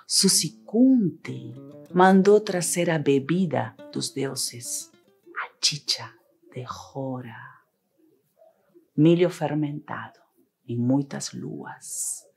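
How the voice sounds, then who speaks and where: A middle-aged woman from Peru, telling a tale with deliberate, rhythmic, theatrical phrasing. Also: sits low, vocal fry, darkish tone, slightly rough, faint music behind. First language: Spanish. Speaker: storyteller. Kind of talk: dramatic oral storytelling.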